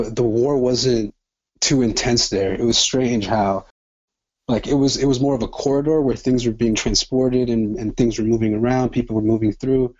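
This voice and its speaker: The sound is lo-fi, and the voice is a medium-pitched man's with a darkish tone. He's a doctoral student in his twenties, born in El Salvador and raised in LA, reflecting thoughtfully as an interview guest and frequently starting over mid-thought.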